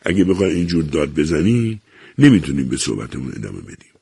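A man doing a cold, measured wife. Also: rumbling low, big pitch swings, creaky, mellow, slightly rough, no echo, clean studio sound, exaggerated voice. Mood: cold firm. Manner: measured, firm, unyielding.

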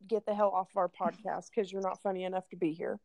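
A young married woman co-hosting a casual podcast, easygoing and quick to giggle. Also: medium pitch, level tone, vocal fry, darkish tone. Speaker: podcast co-host.

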